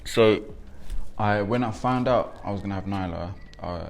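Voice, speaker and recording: In a documentary interview, a young father in his twenties, born in Congo and raised in England, speaks reflectively with frequent ums. His voice is fairly low at a moderate pace, with slight background noise.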